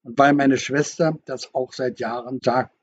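A man's voice: mid-range voice, steady tone, measured pace, husky, highs cut off. A man voicing a stern, suspicious father. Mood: accusing. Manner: accusing, bitter, insistent. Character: stern, suspicious middle-aged father, a doctor.

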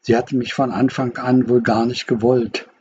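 A man reading a first-person novel aloud as an audiobook narrator, calm and measured. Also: medium pitch, dull audio, a little hiss or hum.

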